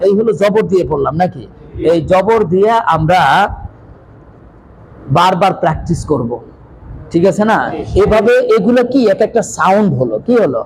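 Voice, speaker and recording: A man teaching a class, calling out syllables loudly and chanting them slowly for his students to repeat. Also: high voice, lively intonation. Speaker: Quran reading teacher. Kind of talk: classroom lesson, drilling letter sounds. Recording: noisy room with crowd of students.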